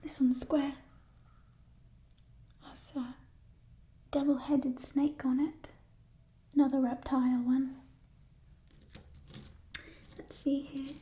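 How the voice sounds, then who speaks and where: A woman in an ASMR role-play as a playful, chatty thief, musing hesitantly in a burglar's hushed soft voice over stolen treasure. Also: sits high, little pitch movement, slow, long pauses. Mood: curious, sly. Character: playful, chatty female thief showing off stolen coins in a fantasy world.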